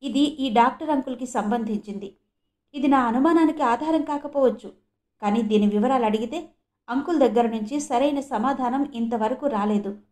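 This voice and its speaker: A woman's voice: a little high, moderate pace, darkish tone, lightly acted. A woman voicing a fiery young woman who speaks urgently and pleads in a storybook reading.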